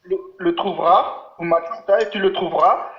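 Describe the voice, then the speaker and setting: Student, man, high voice, very slow halting delivery, echoey muffled call. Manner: slow, hesitant reading and translating. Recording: echoey, dull video-call audio.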